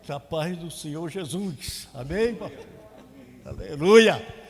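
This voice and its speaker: A pastor who exhorts a congregation and leads a fervent closing prayer, repeating phrases of praise. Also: male voice, on the high side, animated, slow pace, slightly rough. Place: church sanctuary. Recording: reverberant church hall.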